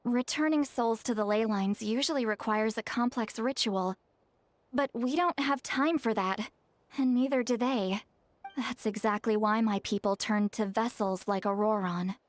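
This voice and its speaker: An actress playing a composed adult woman leader in a video game, speaking with calm authority. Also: fairly high pitch, normal speed, no echo, close to an everyday voice. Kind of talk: game voice acting.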